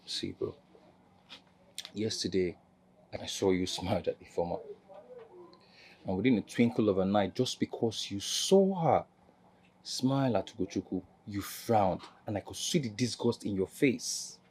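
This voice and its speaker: An actor plays a frank friend lecturing on forgiveness. His voice is low and mellow, earnest and direct. Soft movie music hums beneath. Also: expressive, moderate pace, a little hiss or hum, natural voice. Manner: earnest, advising. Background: film score music.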